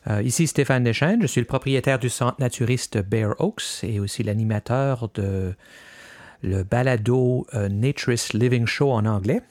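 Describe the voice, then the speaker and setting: A podcast host reads a scripted introduction, hesitating often with fillers and restarts; French is his first language, though he now lives mostly in English. His voice is mid-range, a little mellow, at normal speed, in studio-quality sound with no room noise.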